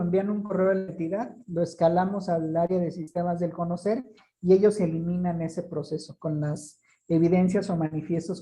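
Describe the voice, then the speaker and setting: A woman with a very dark, mellow voice explains procedures in a formal, measured way. She answers questions patiently in an online meeting. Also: lowish voice, low-quality recording. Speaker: certification body representative.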